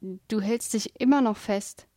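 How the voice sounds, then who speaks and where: A woman voicing a calm, deadpan male owl who teases his friend in a dry way. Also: mid-range voice, unhurried, no echo, lightly acted.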